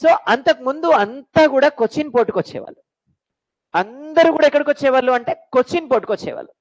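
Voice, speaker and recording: Lively quizzing woman teacher. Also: sits high, fast talker, low-quality recording. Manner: quizzing students with call-and-response questions; mixes English phrases into Telugu. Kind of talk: classroom lecture for exam prep.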